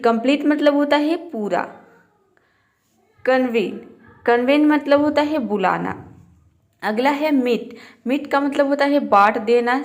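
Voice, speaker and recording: Woman, kinda high voice, teaching pronunciation rules step by step, repeats each word then its meaning. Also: a little mellow. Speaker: English teacher. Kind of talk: spoken pronunciation lesson.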